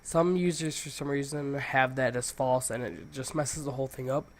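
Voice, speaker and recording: A man with a stuffy, congested nose hosting a casual software tutorial, talking informally and thinking aloud as he goes. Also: mid-range voice, moderate pace. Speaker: tutorial host.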